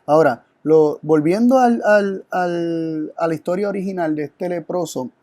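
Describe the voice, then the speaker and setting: A man's voice: on the high side, a little slow, a little mellow, dry recording. A man presenting a Bible study, teaching in an earnest, reflective way and asking rhetorical questions. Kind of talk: teaching sermon.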